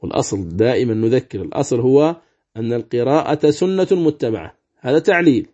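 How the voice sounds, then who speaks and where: Mellow-voiced man teaching recitation rules. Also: mid-range voice, lively intonation. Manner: measured, explanatory, chants words slowly as examples. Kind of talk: explaining recitation rules with chanted examples. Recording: dull lo-fi recording.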